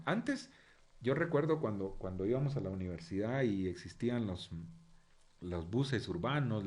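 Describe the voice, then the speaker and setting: A man's voice: lowish voice, a little mellow. A middle-aged man lecturing a university journalism class, talking casually and repeatedly checking in with tag questions and fillers.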